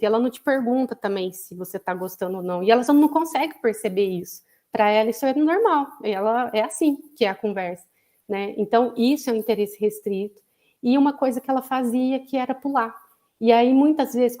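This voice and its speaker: A guest psychologist with a Brazilian accent gives a conversational lecture on an online live stream, her voice fairly high and a little mellow. She explains patiently and keeps tacking "né?" onto her sentences.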